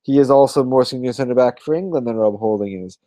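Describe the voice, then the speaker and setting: A man's voice: mid-range voice, fairly quick, warm tone, no echo. A man chatting casually as a podcast co-host about his team's lineup, rambling and correcting himself, tired and yawning. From Australia. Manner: rambling, self-correcting, fond of fillers. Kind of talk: casual football chat.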